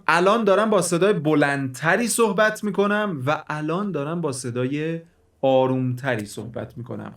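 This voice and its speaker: Chatty man teaching audio mixing. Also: on the high side. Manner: chatty, explains with everyday examples, talks to viewer directly. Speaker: music production instructor. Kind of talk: casual screen-recorded tutorial.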